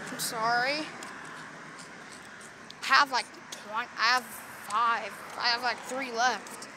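A young woman hosting casual gameplay chat outdoors, excitable and jokey. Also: on the high side, takes it slowly, noisy background. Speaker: channel host playing a mobile game. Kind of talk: casual chat while walking.

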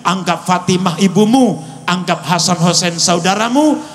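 A male preacher voicing a kindly elder man who gently soothes a crying child. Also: sits high, normal speed, natural voice. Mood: soothing.

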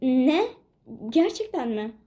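A woman's voice: high-pitched, very animated, slow pace, mellow, heavily acted. A woman voicing a timid young girl pet in a toy figure video, whiny and panicky, given to shrieks and sobs. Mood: anxious.

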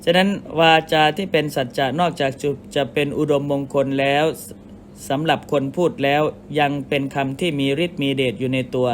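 A man, a Buddhist monk, giving a measured dharma sermon and explaining with everyday comparisons. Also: fairly high pitch, steady tone, a little hiss or hum.

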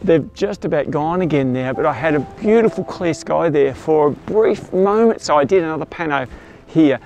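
Talking casually to the camera through a clip-on mic, this astrophotographer explains his shots with enthusiasm, out in the night bush and then at a morning bush camp. His fairly high, slightly mellow voice is animated and moderately paced, and the audio sounds dull.

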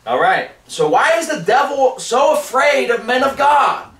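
A man's voice: very high-pitched, very animated, unhurried, fairly bright tone. A man in his forties preaching a fervent sermon in a living room, reading from scripture, filmed by a camera across the room. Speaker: street preacher. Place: living room with wood paneling. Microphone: far camera. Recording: roomy sound from a distant camera.

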